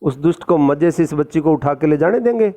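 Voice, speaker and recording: A man's voice: fairly high pitch, animated, fairly quick, mellow, pitched above the performer's own voice, lightly acted. A man doing a stiff, worried lamp post.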